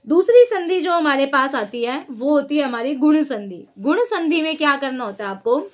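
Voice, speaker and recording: A woman's voice: sits high, animated, normal speed. A young woman teaching a lesson as she writes out examples, asking the class a question and then answering it herself. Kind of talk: casual whiteboard lesson.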